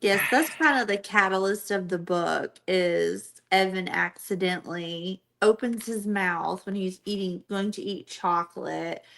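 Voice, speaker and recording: Slow-talking easygoing woman. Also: mid-range voice, gravelly, fairly bright tone, a little hiss or hum. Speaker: book club podcast co-host. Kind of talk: casual chat.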